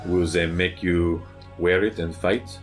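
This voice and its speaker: Male tabletop player, deep voice, informal role-play chat, clear music behind. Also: fairly even intonation, slow pace. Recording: loud music under the voice.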